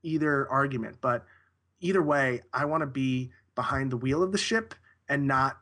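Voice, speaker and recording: A man's voice: medium pitch, normal speed, bright, forceful tone. Rambling man talking casually as a guest. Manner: rambling, self-correcting, with frequent restarts. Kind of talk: casual interview conversation.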